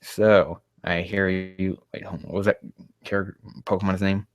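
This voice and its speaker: This man's low voice barely moves in pitch as he reads at a moderate pace, with no room sound. Hosting a critique of amateur fan fiction, he casually ridicules it, rambles, swears in exasperation and fumbles the lines.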